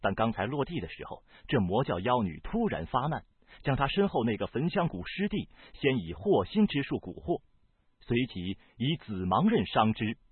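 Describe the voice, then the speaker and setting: A man with a husky voice reading a novel aloud as audiobook narrator, in an expressive, varied storytelling delivery. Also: medium pitch, moderate pace, dry recording. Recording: dry, tinny phone-like sound.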